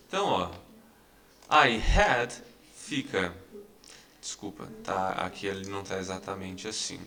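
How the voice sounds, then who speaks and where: Gravelly man teaching English. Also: fairly low pitch, sharp tone. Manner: explains patiently, repeating examples with many "tá?" and "né?" checks. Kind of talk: recorded online lesson.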